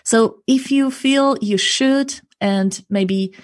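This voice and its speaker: A language coach and interpreter answers interview questions earnestly, explaining things and often closing her points with a tag question. Her voice is a little high and her pace slow.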